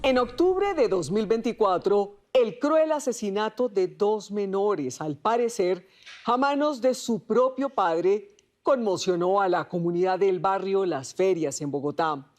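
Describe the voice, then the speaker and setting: A woman with a Colombian accent reading the news in a formal, even manner. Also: mid-range voice, measured pace. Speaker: news anchor.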